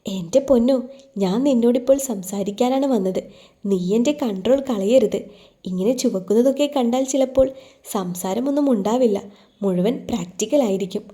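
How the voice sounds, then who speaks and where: Storybook young husband, playful then earnest; woman reader's own voice, very warm and mellow tone. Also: fairly high pitch, normal speed, close to an everyday voice. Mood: teasing. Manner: playful teasing turning earnest. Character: young man, teasing, devoted husband in love.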